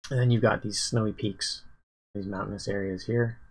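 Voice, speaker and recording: A sleepy man working as a dungeon master, casually thinking aloud on a livestream as he plans his campaign, rambling and halting with many fillers and restarts. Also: lowish voice, steady tone, slightly rough, poor audio.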